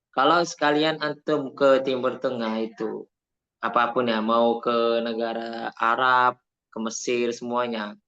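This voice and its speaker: A man's voice: mid-range voice, bright, forceful tone. A man talks casually while teaching Arabic and drifts into personal stories. He drops Arabic phrases into his speech. The recording sounds dull and lo-fi. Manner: chatty, tells personal anecdotes, mixes in Arabic phrases.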